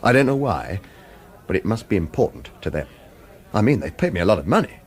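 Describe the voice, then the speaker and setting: A man voices a wary hitman narrating a radio drama in first-person noir style, protective of his lover yet evasive, offering hesitant reassurance. The delivery is earnest and cautious, low-pitched with big swings, and brisk.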